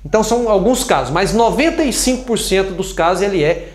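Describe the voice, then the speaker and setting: A Brazilian man teaching English pronunciation, drawing out each sound slowly as he demonstrates it. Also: high voice, lively intonation, echoey room. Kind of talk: explanatory lesson.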